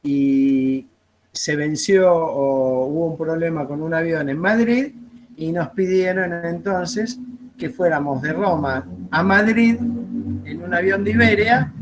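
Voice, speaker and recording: A man's voice: fairly high pitch, noisy background. A man with an Argentine accent, teaching an aviation course in a classroom, chatting through anecdotes with frequent fillers.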